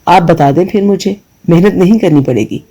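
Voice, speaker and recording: A man voicing a determined young man who answers in a flat, restrained way. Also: high-pitched, poor audio.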